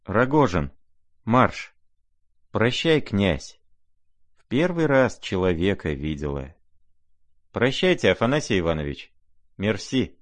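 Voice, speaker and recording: A man's voice: lowish voice, sing-song, slow pace, pauses often, dry recording. A man voicing a proud, reckless young woman who gives orders in an imperious, scornful way, read in an audiobook. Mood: defiant. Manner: imperious, commanding.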